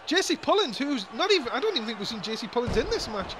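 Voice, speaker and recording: A man calling a wrestling match play by play, excitable and quick to grumble. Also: very high-pitched, a little hiss or hum. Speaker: wrestling commentator.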